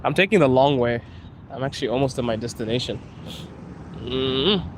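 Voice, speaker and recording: A man's voice: medium pitch, lively intonation, moderate pace. A Zimbabwean man in his twenties or thirties, chatting casually on a livestream while walking outdoors, laughing often and slipping into freestyle rap. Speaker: livestreaming vlogger. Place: outdoors on a city street. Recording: street noise behind the voice. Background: traffic and street noise.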